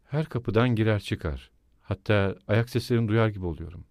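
A man's voice: on the low side, fairly quick, a little mellow, no room sound, lightly acted. A man voicing a brooding, eerie, absent-minded middle-aged landowner in an audiobook reading, with a musing, rambling delivery.

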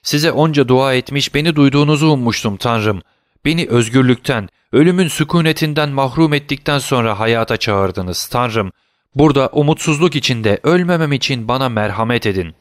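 A man's voice: mid-range voice, expressive, brisk, hardly any pauses, no room sound, studio quality, lightly acted. A man voicing a desperate young sailor locked in a dungeon, pleading and exclaiming in a slightly raised voice, in an audiobook reading.

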